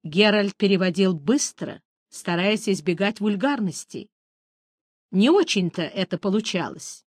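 In a measured, expressive reading, a woman narrates an audiobook from a script. Her pitch is medium, and the studio-quality recording has no room sound.

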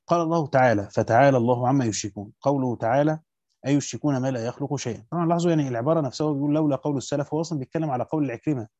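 A man with an Egyptian accent who teaches by reading a classical commentary quickly aloud and stopping to add casual spoken remarks. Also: medium pitch, a little mellow, dry recording, muffled recording. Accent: Egyptian Arabic. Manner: reads classical Arabic quickly, then breaks into colloquial comments. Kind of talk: fast reading of a classical text with spoken asides.

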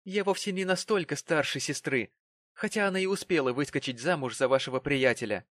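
A man's voice: brisk, no echo, clean studio sound, lightly acted. A man reading the part of a spiteful young daughter who shrieks and scorns her father in a storybook reading. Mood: sulky scorn. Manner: shrill, shouting, scornful.

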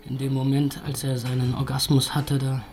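An actor playing a shaken young man who speaks haltingly and quietly in a radio play. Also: mid-range voice, completely flat delivery, husky.

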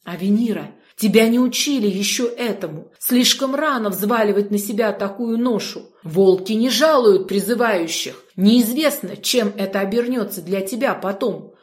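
A woman's voice: medium pitch, moderate pace, hardly any pauses, close to an everyday voice. A woman voicing a fierce, blunt young witch who barks her lines. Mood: desperate. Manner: brusque, barking.

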